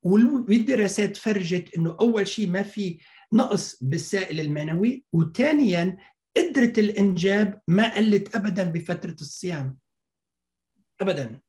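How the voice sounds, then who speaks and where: Lebanese-accented man explaining, often halting. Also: sits high, animated, dark tone. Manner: halting, repeats and restarts words. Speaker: fertility doctor, interview guest. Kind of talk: informal expert explanation in an interview.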